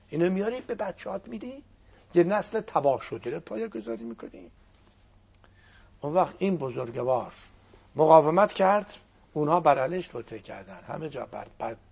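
An older man, a cleric whose first language is Azerbaijani Turkish, telling religious stories in an animated preaching manner with a husky, gravelly voice. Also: on the high side. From Turkic-speaking region of Iran. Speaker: cleric guest speaker. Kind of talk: religious storytelling talk.

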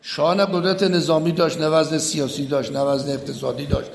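A man's voice: on the high side, creaky, echoey room. A man giving a political sermon, stressing his points by repeating phrases and acting out the people he quotes. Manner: acts out quoted speakers in animated bursts.

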